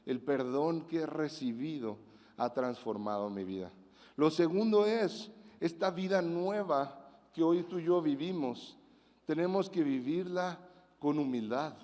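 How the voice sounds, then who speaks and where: A man preaches a sermon in a high, light voice. He talks conversationally and acts out the quotes with animation. The sound rings with the long reverb of a large hall. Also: measured pace, a little mellow. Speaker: pastor.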